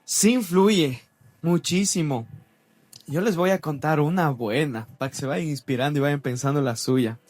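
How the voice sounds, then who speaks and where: A man, co-hosting a church podcast and telling a personal testimony in a casual, animated way. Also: on the high side. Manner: animated, acts out quoted voices.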